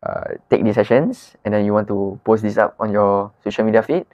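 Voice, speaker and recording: Low-voiced man, Malay-English slang. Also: brisk, dry recording, highs cut off. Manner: colloquial Malay-English slang mix with "lah" particles. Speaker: guest, wedding photographer. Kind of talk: casual podcast conversation.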